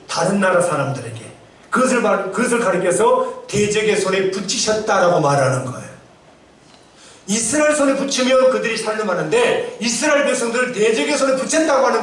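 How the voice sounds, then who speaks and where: Middle-aged male preacher, animated, asks the congregation questions; recorded from far off in a roomy church. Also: sits high. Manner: animated preaching with rhetorical questions and acted-out outbursts. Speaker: pastor. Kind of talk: sermon. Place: church sanctuary. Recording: echoey church hall from far off.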